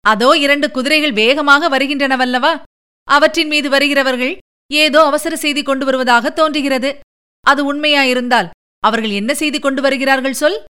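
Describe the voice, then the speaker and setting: A woman's voice: high-pitched, steady tone, normal speed, pushed and bright. A woman doing a sly, urgent man. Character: sly, quick-witted man, urgent helper.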